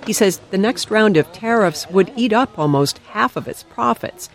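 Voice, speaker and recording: Woman radio reporter reading a scripted feature story, lowish voice. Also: animated, normal speed.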